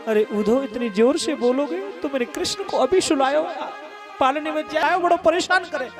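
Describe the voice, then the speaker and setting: An aged mother, grieving yet doting, speaks in a very high, plaintive sing-song voice, as a male storyteller puts her on. Instrumental music plays clearly behind her. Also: moderate pace, a crowd in the background.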